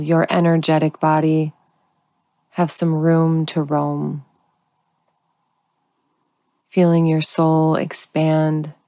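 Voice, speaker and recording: A woman guiding a sleep meditation in a calm, soothing, unhurried sleep-story narrator manner, leaving long pauses. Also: low voice, dry recording, studio quality. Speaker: guided relaxation narrator.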